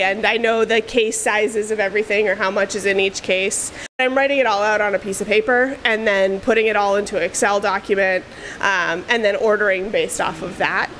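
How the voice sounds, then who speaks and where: A woman's voice: mid-range voice, a bit bright, a little hiss or hum. A woman in her thirties who coordinates a food pantry, explaining the weekly routine in a casual, practical way with frequent ums. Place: outdoors beside a brick church, later inside a pantry room. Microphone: handheld lapel mic held up to the mouth.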